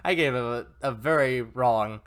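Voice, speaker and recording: A man's voice: medium pitch, normal speed, a bit bright, clear, resonant tone. A man reading an interactive novel aloud, chatting and correcting himself with amused asides. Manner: chatty, self-correcting, laughs at own mistakes. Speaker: story reader and commentator.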